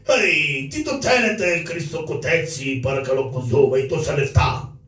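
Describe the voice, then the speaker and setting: A man voicing a sly, overly polite foreign merchant in a shadow puppet play, speaking in halting, broken phrases full of "eh". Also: fairly high pitch, a bit bright, far from the mic, close to an everyday voice. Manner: halting, broken speech with many "eh" fillers. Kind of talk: Greek shadow puppet theatre. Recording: roomy live stage from afar.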